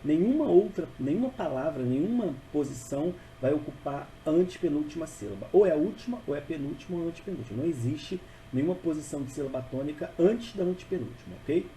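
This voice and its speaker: A man's voice: on the high side, lively intonation, fast, few pauses, mellow, a little hiss or hum, rough recording. A man teaching a grammar lesson, patient and repetitive, often checking in with the listener. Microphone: voice-over for a narrated video.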